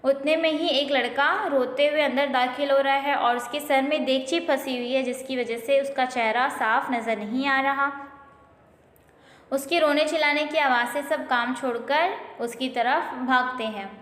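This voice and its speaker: A woman's voice: sits high, steady tone, measured pace, a bit bright. A woman teacher who reads a school play aloud and explains each line simply, repeating it for young pupils. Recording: roomy with long reverb.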